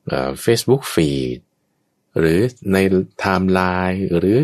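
Deep husky-voiced monk teaching. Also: male voice, very animated, very slow, a little mellow. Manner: patient and explanatory, briefly acting out everyday speech as examples. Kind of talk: conversational Dharma teaching.

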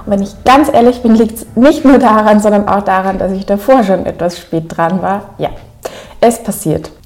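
A young woman with an Upper Austrian accent opens her solo podcast, chatting to listeners in a friendly, direct way with frequent ums. Her mid-range, darkish voice moves at a normal speed, and she is recovering from a cold.

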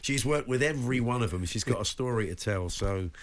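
A middle-aged English man hosting a sports radio show in casual banter, his voice a croaky, congested frog voice, hoarse with a cold. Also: mid-range voice, animated, a little fast, over a noisy crowd.

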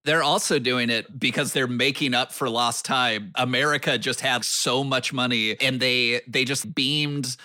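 A man's voice: mid-range voice, fairly even intonation, unhurried, few pauses, pushed and bright, no room sound. A man co-hosting a casual podcast chat, laying out facts and trivia. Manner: informative, lays out facts and trivia. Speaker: podcast co-host.

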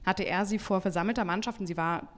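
A woman's voice: medium pitch, quick pace. A woman co-hosting a live podcast before an audience, retelling stories with animation and hesitant fillers. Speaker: podcast co-host. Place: hotel event space with audience. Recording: long hall reverb.

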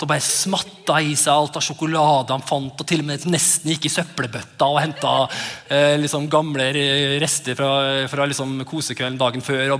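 Man, 30s, pastor, sermon, high voice, very lively pitch, laughing asides, church hall reverb. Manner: animated, laughs often, acts out his children's voices.

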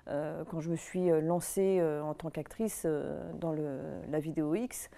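A woman's voice: deep voice, a little slow, mellow. A woman in her thirties, an interview guest, talking candidly and reflectively with frequent hesitations. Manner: reflective, hesitant with many fillers.

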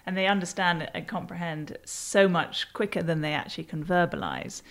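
A woman doctor co-hosting a podcast, speaking calmly and thoughtfully. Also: lowish voice, moderate pace. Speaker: doctor, co-host. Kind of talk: podcast conversation.

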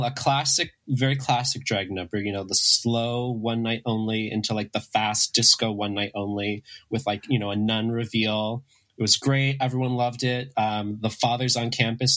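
Sounding a bit under the weather, a drag performer with a raspy, mid-range voice chats casually as an interview guest. He's an animated storyteller, leaning on "like" constantly and quoting what people said.

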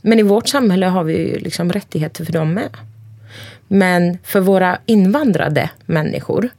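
Blunt, gravelly-voiced woman in her forties. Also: fairly low pitch, darkish tone, dry recording. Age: 40s. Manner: blunt and outspoken, swears freely. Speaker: interview guest. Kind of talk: candid conversation.

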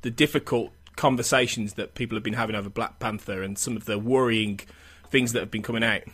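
A man with an English Midlands accent hosting a casual podcast discussion in a hesitant, halting way. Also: lowish voice, steady tone, fairly bright tone, slightly rough. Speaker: podcast host.

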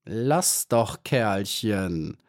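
A man's voice: lowish voice, big pitch swings, unhurried, no room sound, studio quality. Sneering hornet robber, voiced by a man. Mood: mocking. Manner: sneering, falsely sweet, grim. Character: menacing hornet soldier, mockingly friendly. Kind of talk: audiobook character voice.

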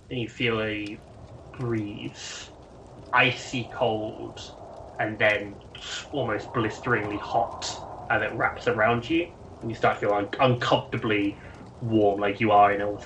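A man working as game master, improvising narration for a tabletop game in halting fragments. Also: fairly low pitch, a bit bright, a little hiss or hum, low-quality recording. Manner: halting, feeling for words in short fragments.

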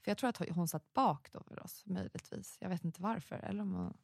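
A woman in her thirties chatting casually as a podcast host, her voice sitting a little low. She talks in an animated, exclamatory way. The sound is dry and close, with no room around it. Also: gravelly, breathy edge, no echo. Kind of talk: casual chat.

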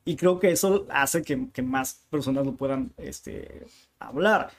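A man from Tijuana with a northern Mexican Spanish accent speaks at a medium pitch, unhurried and creaky. He owns a bookshop and tells stories lively in a casual interview, tossing in slangy asides.

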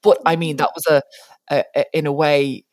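A woman's voice: deep voice, level tone, normal speed, a little mellow, no room sound. A woman from Dublin with an Irish city accent, hosting a podcast in a chatty, informal style. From Dublin, Ireland. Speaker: podcast host. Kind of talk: casual podcast chat.

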